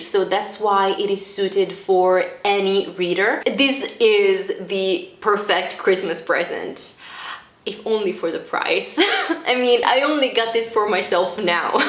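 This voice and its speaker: A woman's voice: medium pitch, roomy sound. A young woman chatting enthusiastically about books on her vlog, gushing and laughing often. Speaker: booktube vlogger. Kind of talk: casual vlog chat.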